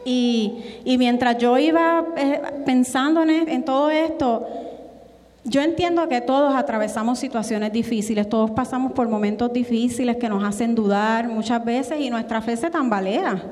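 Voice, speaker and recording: A woman's voice: moderate pace, darkish tone, in a large hall. A woman preaching a sermon and reading scripture, earnest and emphatic, acting out the quoted lines. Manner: earnest, emphatic, acts out quotes with rising pitch.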